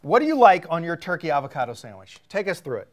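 A man's voice: fairly high pitch, very animated, quick pace. An American man hosting a casual, playful chat, joking around with his guest. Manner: jokey, playful interviewer. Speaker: host.

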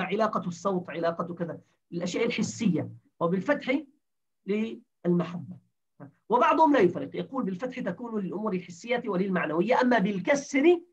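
A man's voice: high-pitched, fast talker, breathy edge. A man teaching a grammar class, explaining step by step and quizzing his students with questions. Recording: distant dull lo-fi recording.

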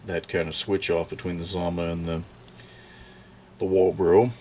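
On a casual workshop show-and-tell, a middle-aged man who runs a chainsaw repair channel handles an old tool at his workbench indoors, thinking out loud and blurting out surprise. He has a deep, darkish voice with a level tone and normal speed. Slight background noise is present.

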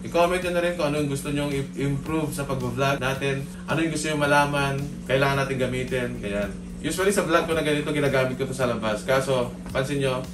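A man's voice: mid-range voice, fairly quick, few pauses, recorded from a distance, background noise. A man reviewing a motorcycle helmet in a casual vlog at home, talking through a face mask in an upbeat way and often saying "ayan". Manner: upbeat, peppers talk with "ayan". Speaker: motorcycle vlogger. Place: at home indoors. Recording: roomy, from off-mic, loud music behind.

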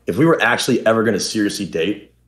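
A young man on a video call, chatting as a dating contestant in a deadpan, trolling way with frequent laughs. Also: fairly low pitch, quick pace. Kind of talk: casual video-call chat. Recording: echoey room.

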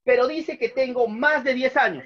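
In a small room, a man in his thirties delivers an online math lesson at a whiteboard, repeating each step patiently and asking his students questions. His voice is very high-pitched at normal speed, recorded in lo-fi sound.

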